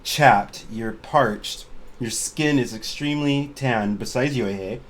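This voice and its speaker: A man running an online tabletop game as game master, halting and restarting his sentences and laughing often. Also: mid-range voice, a little hiss or hum. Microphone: home computer mic on a voice call.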